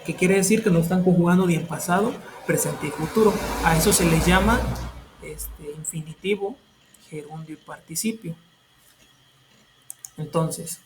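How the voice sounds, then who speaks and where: A man's voice: a little high, a little hiss or hum, rough recording. Patient male teacher explaining grammar. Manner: patient, repetitive explanations with filler tags and self-corrections. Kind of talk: explaining a grammar lesson step by step.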